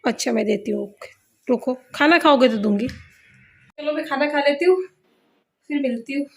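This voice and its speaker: High-voiced chatty mother vlogging at home. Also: normal speed, vocal fry, slight background noise. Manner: chatty, scolds children gently. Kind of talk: casual home vlog chat. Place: home indoors.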